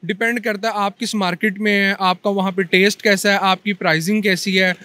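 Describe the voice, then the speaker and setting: A man's voice: sits high, little pitch movement, fairly quick, bright, forceful tone, no echo. A young man, a food cart owner earnestly explaining his business in a street interview. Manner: earnest, explaining, mixes English words. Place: busy city street outdoors. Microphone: handheld mic held by interviewer.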